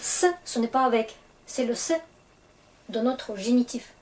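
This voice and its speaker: Slow, patient woman teaching a language. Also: on the high side, fairly even intonation, darkish tone, poor audio. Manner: slow, patient explaining with frequent hesitations. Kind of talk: explaining grammar to French learners.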